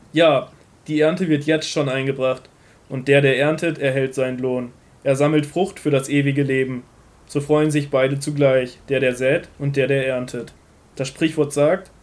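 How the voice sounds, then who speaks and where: An actor playing Jesus in a German Bible audio drama, an authoritative teacher speaking in solemn, measured declarations. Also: male voice, mid-range voice, darkish tone, lightly acted. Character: Jesus, calm authoritative male teacher and prophet.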